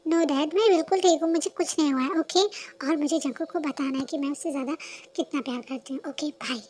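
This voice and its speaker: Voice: high-pitched, fast, close to an everyday voice. A reader voicing a headstrong young woman who pleads with her father, in an amateur voiced fan story. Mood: pleading. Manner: pleading then shouting.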